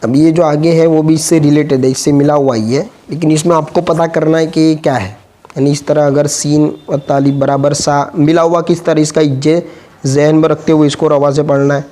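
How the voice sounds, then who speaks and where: A man teaching Urdu reading, patiently sounding out letters and syllables one at a time in a slow, spelled-out lesson. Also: fairly high pitch, flat delivery, dark tone.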